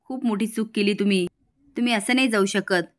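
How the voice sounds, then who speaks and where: A woman's voice: mid-range voice, fairly quick, close to an everyday voice. Principled young woman, firm and direct, voiced by a woman.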